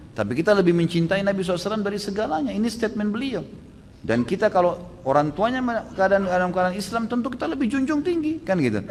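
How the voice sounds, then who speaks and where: A man giving an Islamic question-and-answer lecture, emphatic and animated, his voice rising to forceful exclamations. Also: a little high, a little hiss or hum. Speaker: preacher answering audience questions. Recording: long hall reverb, faint ambience.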